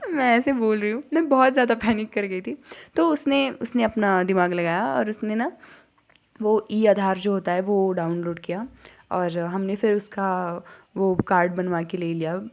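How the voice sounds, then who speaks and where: Chatty young woman vlogger, lively storytelling. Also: mid-range voice. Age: young adult. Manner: animated storytelling, rushing and then softening to near-whispers. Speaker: student vlogger. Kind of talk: casual chat.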